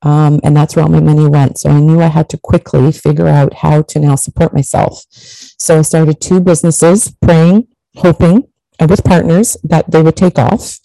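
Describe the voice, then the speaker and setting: This Portuguese vlogger, a middle-aged woman, offers candid advice in a monologue to her audience, stressing points bluntly and swearing occasionally. Her warm, mellow, low-pitched voice has vocal fry, fairly even intonation and a normal pace. The close, dry recording has no room sound but is low in quality.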